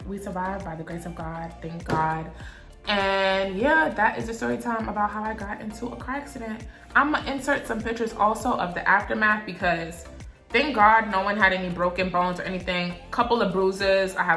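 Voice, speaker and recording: A young woman vlogger telling a story in a casual, animated way, swearing often and getting emotional. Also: mid-range voice, normal speed. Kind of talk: storytime vlog. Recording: echoey room with faint music.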